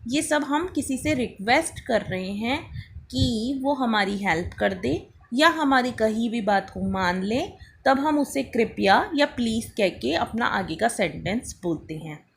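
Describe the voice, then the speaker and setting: Woman teacher for a beginner language lesson, slightly high voice, slow patient spelling drills, faint hiss behind. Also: lively intonation, gravelly. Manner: slow, spelled-out drill words, prompting students to repeat. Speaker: English teacher. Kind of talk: beginner English lesson explained in Hindi.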